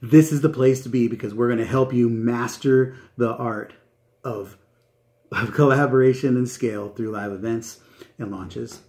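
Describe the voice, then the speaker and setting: A man introduces his channel to viewers as a live event specialist, upbeat and promotional, open, friendly and welcoming. His mid-range voice is a little mellow, at a moderate pace with fairly even intonation, yet he is enthusiastic and emphatic and often adds short tag questions.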